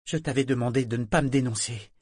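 A man's voice: mid-range voice, fairly quick, no echo, clean studio sound, voice pushed up, lightly acted. Man doing a composed young woman sailor. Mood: resigned. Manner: calm, restrained.

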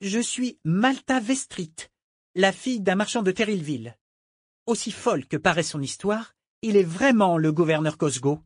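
A woman's voice: mid-range voice, expressive, moderate pace, no room sound, studio quality, voice pushed up, close to an everyday voice. A man voicing a defiant young merchant's daughter who talks with scorn and command.

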